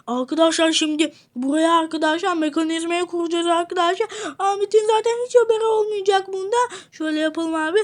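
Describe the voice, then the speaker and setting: A woman's voice: extremely high pitch, fast, hardly any pauses. A woman giving chatty Minecraft let's-play commentary, constantly addressing her viewers. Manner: chatty, keeps saying 'friends' to viewers. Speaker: gaming YouTuber.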